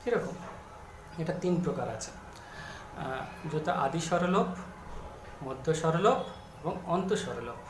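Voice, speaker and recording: A man's voice: a little high, very animated, normal speed, pauses often, noisy background. A man teaching a grammar lesson to students, explaining patiently and answering his own questions. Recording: echoey room with faint music.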